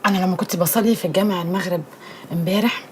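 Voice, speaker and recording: A woman's voice: on the low side, steady tone, rapid-fire, darkish tone, natural voice. An actress with an Egyptian accent playing a young sister who answers her brother and passes on gossip. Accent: Egyptian Arabic. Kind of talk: TV series acting. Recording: noisy background.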